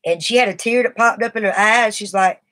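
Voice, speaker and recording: A middle-aged woman chats on her live stream in a rambling, confiding way, her voice at an ordinary pitch for a woman. She sounds a little shaky as she fights off cigarette withdrawal, speaking fairly quickly with a bit of brightness.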